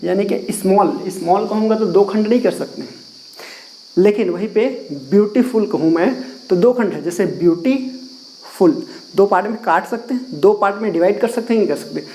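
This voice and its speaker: Briskly and in a high, slightly mellow voice, a man teaches a class English grammar using Hindi. He asks questions and repeats the main words while writing and erasing on the board, in a low-quality recording with slight background noise.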